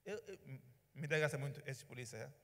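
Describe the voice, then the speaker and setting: A man's voice: medium pitch, a little fast. A male pastor, telling a story in a sermon and acting out the dialogue. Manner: animated storyteller, acts out dialogue. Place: church hall. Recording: reverberant church hall.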